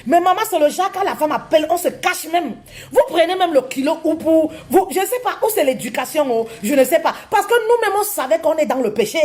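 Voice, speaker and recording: A woman relationship coach giving casual advice talk in an animated way, laughing often and calling listeners "maman". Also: very high voice, fairly quick.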